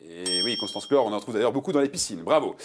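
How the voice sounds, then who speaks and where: A man's voice: fairly low pitch, fast talker. A man hosting a television quiz show, reading multiple-choice questions and joking with contestants. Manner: playful, jokey, reads multiple-choice answers with lively emphasis.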